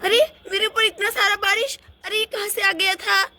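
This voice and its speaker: A woman's voice: very high-pitched, fairly even intonation, normal speed, over music. A woman voicing a sulky teenage girl doll in a doll play story, with a whiny, complaining manner. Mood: confused.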